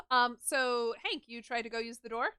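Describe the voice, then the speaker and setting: A woman's voice: a little high, takes it slowly, bright, forceful tone, clean tone, no room sound, clean studio sound. A woman narrating as game master of a tabletop game, rambling and giggly with lots of fillers.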